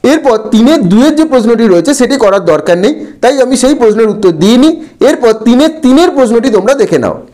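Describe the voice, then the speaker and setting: High-voiced, lively teacher. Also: male voice. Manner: slow, deliberate, spells out words syllable by syllable. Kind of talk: textbook answer walkthrough.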